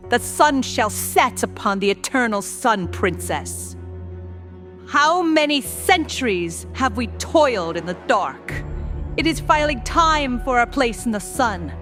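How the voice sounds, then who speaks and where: A woman's voice: high-pitched, fairly bright tone, full character voice. A woman voicing a regal, scheming insect-like changeling queen in a fantasy audio story, grandiose and menacing. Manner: slow, grandiose, deliberate monologuing. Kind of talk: dramatic audio story acting. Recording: music behind the voice.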